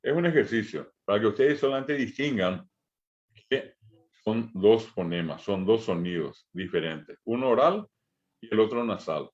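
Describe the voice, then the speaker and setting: A middle-aged man with a Paraguayan Spanish accent teaching a language lesson, slowly repeating each sound for learners to copy. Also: on the low side, lively intonation, a little mellow, muffled recording.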